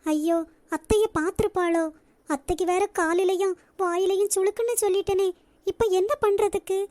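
A woman voicing a haughty, sharp-tongued rich young woman in a cartoon, speaking with a Nagercoil Tamil accent in a scornful, bossy way. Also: very high voice, steady tone, moderate pace, no room sound. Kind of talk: cartoon voice acting.

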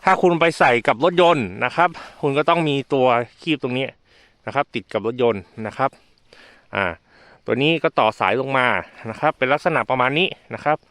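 A man's voice: mid-range voice, animated, a little fast, fairly bright tone. A man giving a casual hands-on product demonstration, explaining step by step and often repeating himself with polite particles. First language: Thai.

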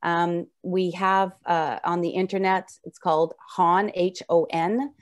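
Middle-aged female nurse presenter, slightly low voice, slushy slurred s, informal webinar teaching over slides. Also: steady tone, unhurried. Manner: slurred, slushy s sounds from wearing braces. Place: indoor room, video call.

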